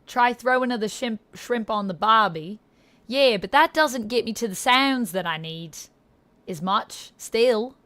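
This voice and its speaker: Practicing accents during a casual livestream, this woman puts on an Australian voice that keeps drifting toward New Zealand and Irish. Her voice is a little high, expressive, and a bit bright; she speaks haltingly and self-consciously, testing vowels and repeating words as she goes.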